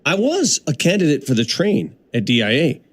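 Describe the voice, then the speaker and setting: A man co-hosting a sports radio show, talking casually and joking, with halting restarts. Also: fairly high pitch, wildly swooping pitch, slightly rough.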